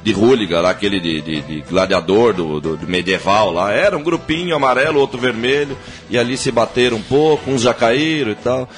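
Animated joking male podcast co-host. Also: fairly low pitch, brisk, few pauses, soft background music. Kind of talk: casual chat.

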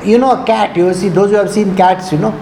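A man's voice: sits high, steady tone, brisk, warm tone. A man with a South Indian accent giving an informal spiritual discourse, didactic and conversational, often checking that listeners understand. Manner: switches between English and Hindi. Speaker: spiritual teacher. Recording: echoey room with faint noise.

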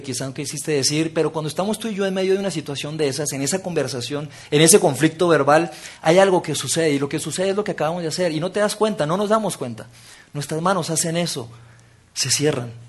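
High-voiced preacher leading a crowd. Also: male voice. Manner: engaging, interactive, leads audience exercises; drops to soft intimate tone for key points. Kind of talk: sermon.

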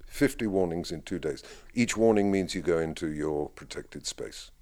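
Speaking at an ordinary pace in a low voice, this community prayer leader responds to an interviewer. He tells his answers like stories, full of energy and frequent laughter.

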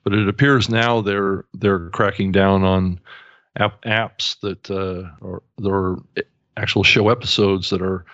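A man hosting a podcast in casual chat, speaking haltingly with many fillers. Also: deep voice, steady tone, fairly bright tone, no room sound. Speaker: podcast host. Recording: dull dry lo-fi sound.

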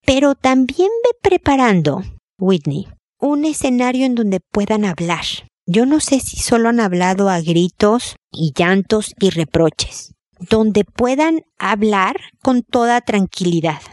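A woman's voice: medium pitch, expressive, slow pace, darkish tone, no echo. Woman host, blunt and emphatic advice, close dry sound. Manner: direct, emphatic, often repeats the listener's name. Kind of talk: advice to a listener.

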